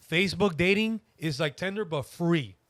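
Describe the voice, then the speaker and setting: A man's voice: fairly high pitch, normal speed, fairly bright tone, no room sound, studio quality. A young man in his early twenties, a podcast guest, talking in an easygoing, rambling way with many hesitations. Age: young adult. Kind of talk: casual interview.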